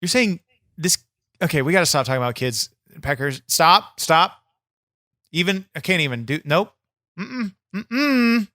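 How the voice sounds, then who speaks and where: Unhurried yet animated, a man with a voice on the high side and a sharp tone improvises a crude, swearing wrestler persona for a comedy podcast. The character is bitter, brash and easily annoyed; the recording is clean studio sound without echo.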